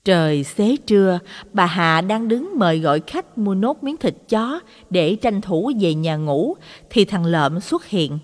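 A woman storyteller reading a horror story in a dramatic, expressive way. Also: medium pitch, measured pace. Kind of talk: scripted horror story narration. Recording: long hall reverb.

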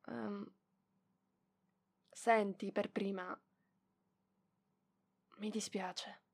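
In an ASMR roleplay, a woman voices one side of a dialogue as a proud, flustered young librarian who is prickly but gradually softening. Her medium-pitched voice is creaky with a darkish tone, and she sounds hesitant and indignant, halting with sighs.

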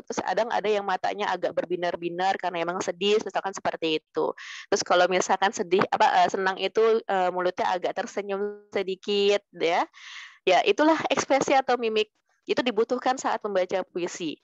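A woman teaching children how to read poetry aloud, speaking gently and slowing down to demonstrate clear pronunciation. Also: mid-range voice, no echo. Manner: gentle, calls pupils "sayang" and "Nak", slows to demonstrate. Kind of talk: poetry reading lesson for children. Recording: dry, muffled lo-fi recording.

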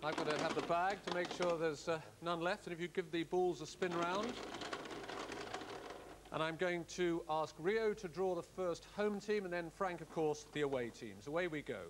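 A middle-aged man hosting a televised cup draw, speaking in a measured, courteous, official way. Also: a little high, slight background noise. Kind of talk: formal live announcement. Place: studio-style hall set with audience.

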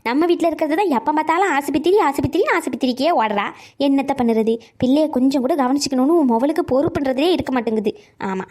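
A woman's voice: sits high, a little mellow, lightly acted. A woman voicing a chattering cartoon granny. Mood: gossiping. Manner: scolding gossip turning to coaxing pleas. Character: talkative elderly grandmother, fussing and doting. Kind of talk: cartoon voice acting.

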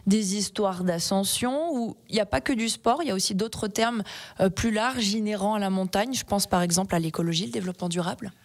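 A woman's voice: medium pitch, fairly quick. Young female radio host, fluent and engaged, studio mic. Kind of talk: radio interview. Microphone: studio mic with headphones.

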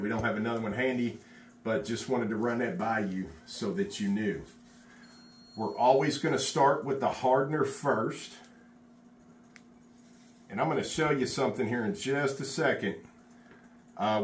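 A middle-aged contractor demonstrates epoxy work in an unfinished garage workshop, filmed on a phone camera. He is chatty and encouraging, talking as he works in a medium-pitched voice. The sound is roomy, with a little hiss or hum.

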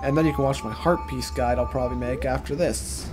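A man's voice: medium pitch, steady tone, brisk. A man giving casual, joking walkthrough commentary over gameplay, rambling into self-deprecating asides. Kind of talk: casual let's-play commentary. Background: game music.

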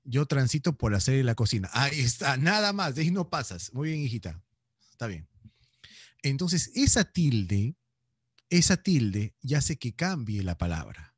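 A male teacher with a Peruvian accent talks at a middling pitch that rises and falls in lively sweeps. He teases and playfully scolds his students, laughing easily. The sound is dry and close, with no room around it. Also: moderate pace, husky, no echo. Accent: Peruvian Spanish. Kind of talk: joking online class lecture.

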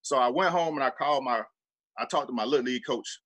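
A man's voice: medium pitch, fast, breathy edge. A man from Birmingham, Alabama with a Southern accent, a former football player telling loose, profane stories as a guest on a sports talk show. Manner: animated, profane, loose storytelling with lots of "like".

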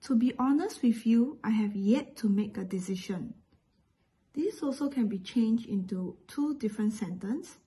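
A woman's voice: a little high, expressive, normal speed, warm tone, breathy edge, poor audio. A woman from Singapore with a Singaporean accent, patiently explaining English phrases and pronunciation step by step as a teacher.

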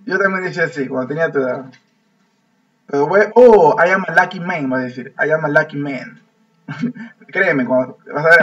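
A man's voice: on the high side, fairly bright tone, breathy edge, distant mic, muffled recording. A man teaching an online English class, repeating phrases patiently and coaxing his students. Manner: repetitive, coaxing, laughs often.

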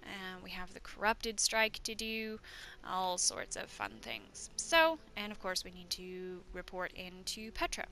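Bright-voiced woman gaming host. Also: fairly low pitch, big pitch swings, a little slow. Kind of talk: casual let's play commentary.

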